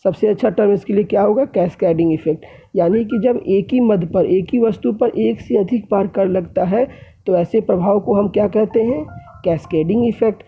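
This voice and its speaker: Man, economics lecture, high-pitched, gravelly, tinny phone-like sound. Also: moderate pace. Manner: explains step by step, often addressing viewers as friends. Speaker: economics teacher. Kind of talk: classroom lecture.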